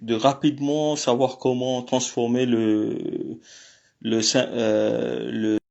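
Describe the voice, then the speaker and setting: Guy teaching a lesson online, slow and halting, lots of ums, mid pitch. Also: level tone, gravelly, a little mellow, muffled recording. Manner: halting, many fillers and restarts; apologetic about technical glitches. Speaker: language teacher.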